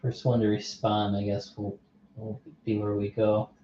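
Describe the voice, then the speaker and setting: A man chatting his way through a board game session, thinking aloud as he sorts out the rules and asks his viewers where to go next. His voice is mellow and relaxed. The recording is somewhat dull, and the room adds a noticeable echo. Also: lowish voice, measured pace, a little hiss or hum. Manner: thinks aloud, reads card text, asks unseen viewers. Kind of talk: casual play-through commentary. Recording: muffled, echoey room.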